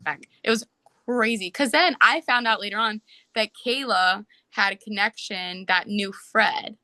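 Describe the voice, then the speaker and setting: A young woman and soccer player, a podcast guest, telling a story in casual, animated talk full of "like"s. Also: medium pitch, no echo. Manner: animated, fast storytelling with many "like"s.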